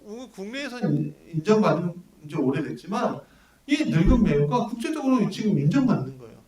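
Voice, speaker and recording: A male pastor preaching a sermon, animated and full of rhetorical questions to his congregation. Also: high-pitched, brisk. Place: church hall at a prayer meeting. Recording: echoey church hall, mic at a distance, congregation audible.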